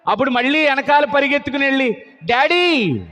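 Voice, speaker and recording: A man's voice: very high voice, lively intonation, measured pace, fairly bright tone. A male preacher telling a Bible story as a sermon, often posing questions and answering them himself. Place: church meeting. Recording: muffled sound with long hall reverb.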